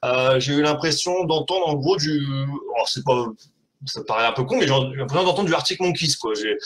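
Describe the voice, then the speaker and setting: Man, live-stream host, casual rambling chat, swears a lot, husky voice, slightly high pitch. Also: fairly quick, low-quality recording. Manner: rambling, swears often, self-mocking. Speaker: host of a live web show.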